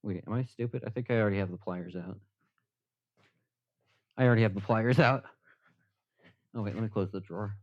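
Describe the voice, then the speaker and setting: A man streams live from his workbench, speaking fairly quickly in a lowish voice broken by long pauses. He chats and jokes casually with plenty of fillers, and the audio is dull and somewhat lo-fi.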